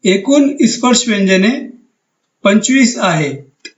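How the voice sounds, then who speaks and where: A man's voice: sits high, lively intonation, slow, echoey room, highs cut off. A man teaching a grammar lesson over slides, patient and methodical, repeating each term with synonyms.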